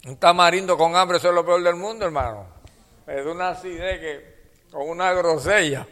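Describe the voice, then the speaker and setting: A man preaching a sermon to his congregation, swinging between hushed near-whispers and loud fervent passages, calling his listeners brother. His voice carries the long reverb of a church hall. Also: high-pitched, normal speed.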